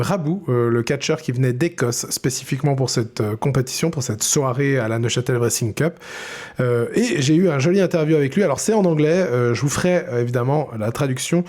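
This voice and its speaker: A man, co-hosting a relaxed podcast. He talks at a middling pitch, in an easygoing way, and often stalls with filler sounds and restarts before he finishes a thought. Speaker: podcast co-host. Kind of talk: casual chat.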